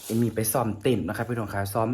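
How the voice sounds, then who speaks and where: A man's voice: lowish voice, little pitch movement, rapid-fire, a little hiss or hum. A man with a northeastern Thai Isan accent, chatting casually to his viewers in a rambling vlog, often turning to speak to them as friends. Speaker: vlogger.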